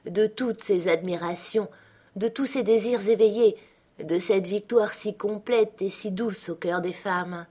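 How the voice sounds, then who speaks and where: A woman narrating a classic short story aloud in a measured, expressive way. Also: mid-range voice, breathy edge.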